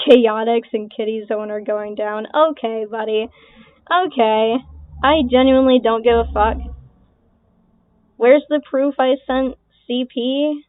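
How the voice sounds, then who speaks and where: A woman's voice: on the high side, slow, long pauses, no room sound. Dismissive young woman on a tinny line. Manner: dismissive, sarcastic, swearing, laughing between remarks. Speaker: online creator responding to accusations. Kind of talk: casual reaction commentary. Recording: tinny phone-like lo-fi sound, dry.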